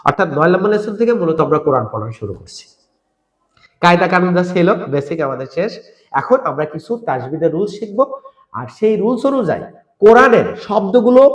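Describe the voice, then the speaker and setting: Fast, lively male Quran teacher. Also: high voice, echoey room. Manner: energetic, asks and answers his own questions. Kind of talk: recorded lesson with spoken drills.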